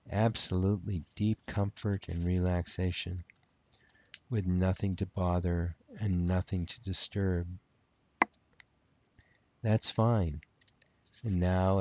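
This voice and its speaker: A man speaking as a hypnotist, leading a guided relaxation in soothing, repetitive, measured phrases. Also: low-pitched, dark tone, no room sound, dull audio.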